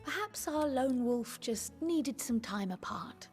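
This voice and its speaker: A sympathetic young woman of a fantasy game speaks gently and with composure. Her voice sits a little high, over soft game music. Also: expressive, takes it slowly. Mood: gentle, amused. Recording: game audio with music behind.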